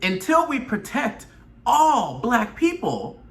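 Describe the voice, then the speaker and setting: Very high-pitched and slow, this man's voice swings hugely in pitch as he delivers personal commentary to his audience. He's a video blogger and host from Atlanta with a Southern US accent, speaking earnestly and repeating phrases for emphasis.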